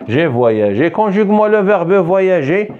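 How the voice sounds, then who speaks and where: A man's voice: high-pitched, big pitch swings, unhurried, darkish tone, muffled recording. A man teaching a French lesson in a classroom, patiently repeating phrases for his students to echo back. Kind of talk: classroom lesson with call-and-response drilling.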